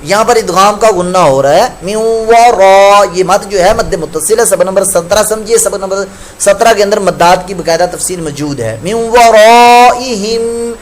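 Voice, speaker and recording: A man with a notably high voice for a male teacher leads a recitation lesson. He explains each point patiently and slowly chants the verses he corrects. A faint hiss sits under his voice. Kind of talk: tajweed lesson with recited examples.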